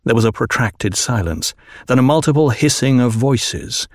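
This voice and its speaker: A man narrating an audiobook in an even, measured way. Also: mid-range voice, no room sound, clean studio sound.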